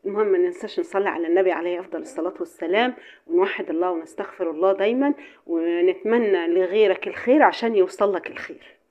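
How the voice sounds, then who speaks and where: A woman's voice: fairly low pitch, very fast. A woman with an Egyptian accent, a mother chatting casually through a home cooking vlog, playful and teasing as she quizzes and jokes. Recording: tinny phone-like audio with faint hiss.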